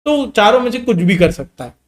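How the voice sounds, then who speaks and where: A man's voice: high voice, sing-song, roomy sound. A young man teaching an exam revision lecture, asking questions and answering them himself, mixing in English terms as he explains. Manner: explains in quick Hindi mixed with English terms, asks and answers own questions.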